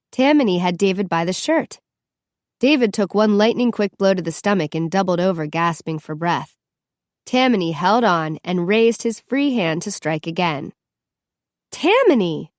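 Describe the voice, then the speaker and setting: A woman narrating a novel in a steady, measured voice of middling pitch. She sits close to the mic, and the sound is dry with no room around it. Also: dry recording. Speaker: audiobook narrator. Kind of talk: scripted narration.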